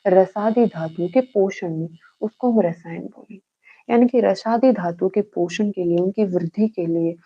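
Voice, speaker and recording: A woman giving an exam-prep lecture, asking herself quick questions and slowly chanting verses. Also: medium pitch, highs cut off. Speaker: Ayurveda teacher.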